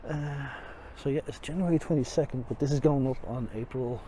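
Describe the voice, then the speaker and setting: Warm in tone and a little fast, an Irish man with a medium-pitched voice talks through a mask during a relaxed, rambling walking tour where he's quick to knock himself. He's outside on riverside city streets, and the clip is noisy with traffic.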